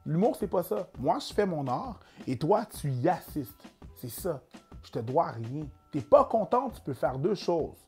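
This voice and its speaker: This husky, slightly high male voice moves at a measured pace over soft background music. A young comedian from Quebec, he answers interview questions casually and drops in English expressions.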